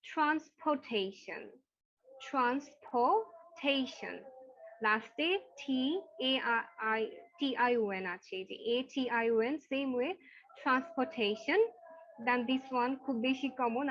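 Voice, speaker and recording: A woman with a Bangladeshi accent teaching an online English class on a video call, mixing English words into her talk and spelling words out slowly letter by letter. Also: fairly high pitch, highs cut off.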